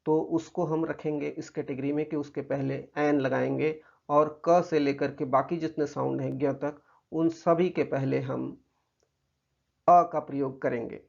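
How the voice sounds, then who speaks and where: A man with an Indian accent teaching a grammar lesson, patiently explaining slides and reading English examples slowly. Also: on the high side, steady tone, vocal fry. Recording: muffled lo-fi recording.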